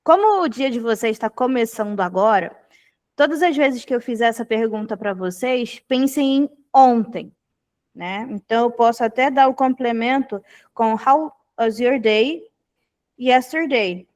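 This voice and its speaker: A woman's voice: fairly high pitch, darkish tone. A young adult woman from Brazil teaching an online English class over a video call, explaining patiently and checking in often with the students. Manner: explanatory, frequent "tá?" checks, repeats phrases slowly.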